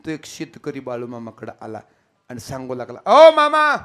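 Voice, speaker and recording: A man preaching a devotional kirtan sermon. He tells stories and speaks straight to his listeners, moving between quiet asides and loud exclamations. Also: fairly even intonation, normal speed. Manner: storytelling, swings between soft asides and loud high exclamations; addresses the audience directly.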